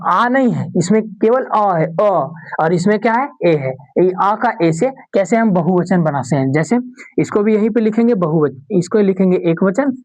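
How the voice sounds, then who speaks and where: A woman teaching a grammar lesson for exam preparation, who repeats example words slowly and asks and answers her own questions. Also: medium pitch, a little mellow, low-quality recording. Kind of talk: exam-prep classroom lesson.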